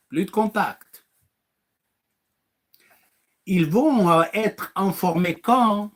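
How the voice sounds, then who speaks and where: A man preaching to listeners in French, acting out little dialogues, firing rhetorical questions and mocking now and then. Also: on the high side. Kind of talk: animated religious talk.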